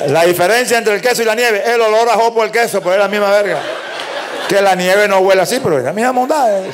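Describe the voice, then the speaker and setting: Raunchy Colombian coastal stand-up comic. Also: male voice, high voice, quick pace, background noise. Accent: Colombian Caribbean coast. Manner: crude, profane storytelling with loud bursts. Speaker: stand-up comedian. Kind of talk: stand-up comedy routine. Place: nightclub stage.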